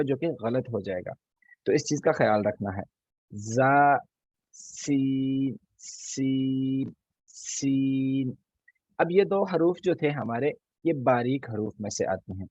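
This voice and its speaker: A man teaching an online recitation class, patiently repeating each letter slowly so students can copy him. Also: mid-range voice, darkish tone, husky, no room sound, highs cut off. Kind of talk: online tajweed class lesson.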